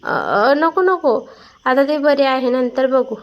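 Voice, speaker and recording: A woman reading a story aloud and voicing a gentle, anxious young man who speaks slower and softer. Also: high-pitched, fairly even intonation, lo-fi sound.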